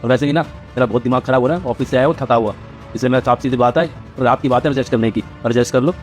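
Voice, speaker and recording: A man's voice: medium pitch, rapid-fire, faint music behind, close to an everyday voice. A man playing a tired son caught between his mother and his wife, exasperated and pleading. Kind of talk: Hindi family drama acting.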